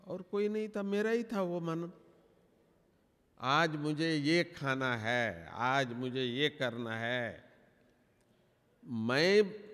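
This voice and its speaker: A man's voice: a little high, a bit bright. A man giving a spiritual class talk, telling stories and acting out his own inner dialogue. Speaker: spiritual teacher. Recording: long hall reverb.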